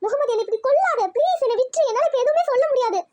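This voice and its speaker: A woman's voice: extremely high pitch, racing, warm tone. A woman voicing a young female college student in a Tamil cartoon, pleading and anxious.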